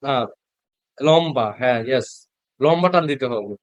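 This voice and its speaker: A man's voice: medium pitch, dry recording, lo-fi sound. Patient man teaching letter sounds. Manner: patient, repeats each letter sound slowly for learners to follow. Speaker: Quran teacher. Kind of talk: online class lecture over video call. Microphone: video call.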